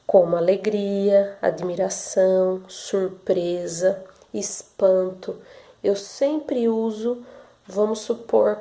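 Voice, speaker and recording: Slow patient woman teacher, gravelly voice. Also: on the high side, warm tone. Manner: slow, patient, explaining step by step; asks questions to the class and answers them. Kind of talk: classroom lesson explaining to pupils.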